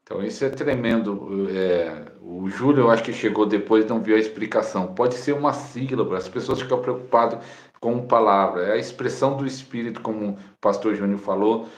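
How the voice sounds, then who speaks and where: A man's voice: lowish voice, fairly quick. Brazilian man explaining in a roomy echo. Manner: conversational, explanatory, with fillers. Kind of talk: casual explanation on a live stream.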